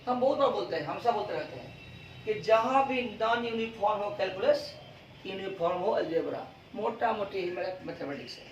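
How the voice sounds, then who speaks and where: A man's voice: high voice, lively intonation, moderate pace, a little hiss or hum. A male physics teacher giving a classroom lecture, asking questions and answering them himself. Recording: roomy classroom sound from a distance.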